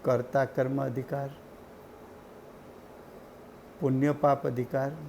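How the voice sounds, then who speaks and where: A man giving a slow, deliberate religious study lecture, repeating key points for his listeners. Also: medium pitch, little pitch movement, vocal fry, darkish tone, a little hiss or hum. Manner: slow, deliberate teaching with repetition. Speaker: scripture teacher.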